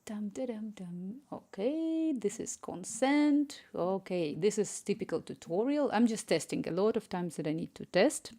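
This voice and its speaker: Her pitch is medium and her intonation lively, and she speaks a little slowly with a warm tone and hardly any pauses. She's a Ukrainian-accented app developer, with some Spanish influence, live-streaming from her home room, chatty and easily pulled off track, reading chat aloud and murmuring to herself as she codes.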